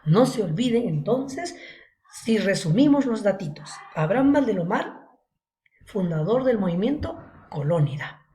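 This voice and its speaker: A woman's voice: mid-range voice, big pitch swings, a little slow, warm tone. A woman teaching an online literature class. She retells a story to her students and keeps checking in with them. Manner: checks in with students, frequent "¿no?" and "¿se acuerdan?" tags.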